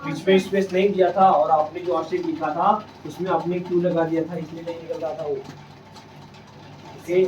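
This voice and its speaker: A man's voice: fairly high pitch, flat delivery, moderate pace, background noise. A man teaching English reading to children in a classroom, patiently repeating questions and drilling letter sounds. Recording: echoey room, distant mic, slightly dull.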